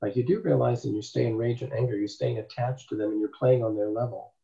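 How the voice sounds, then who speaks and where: A male therapist teaches a group in a loose, rambling way, leaning hard on his points and tossing out rhetorical questions. His voice sits at a middle pitch. The recording is dull and lo-fi. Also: quick pace, gravelly, mellow. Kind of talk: informal teaching talk.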